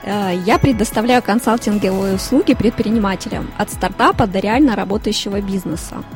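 A woman in her thirties from Ukraine, a lawyer and consultant, answering interview questions in a measured way with fillers. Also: medium pitch, soft background music. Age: 30s. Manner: measured, listing things with fillers.

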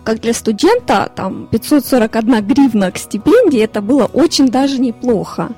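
A woman in her thirties from Ukraine, a lawyer and consultant, answering interview questions in a measured way with fillers. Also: fairly high pitch, animated, dark tone, breathy edge, faint music behind. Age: 30s. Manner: measured, listing things with fillers.

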